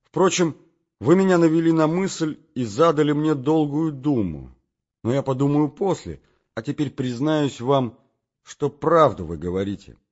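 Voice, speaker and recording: Guy reading as an excitable young woman, husky, all over the place in pitch, lo-fi sound. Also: measured pace. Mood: earnest. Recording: dull lo-fi recording.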